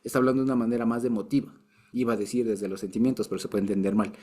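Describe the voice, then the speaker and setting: Mellow-voiced man teaching Bible. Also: medium pitch, steady tone, rapid-fire. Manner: explains patiently, with frequent restarts and light chuckles. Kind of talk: casual Bible lesson.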